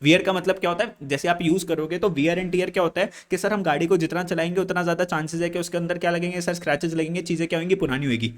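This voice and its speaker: Guy teacher w a kinda high voice, fires questions at the class then answers em himself, jokey with the kids. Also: steady tone, fast talker, few pauses. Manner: banters with students, calling them "bhai" and "beta". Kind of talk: energetic classroom-style lecture. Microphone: microphone he points to as an example.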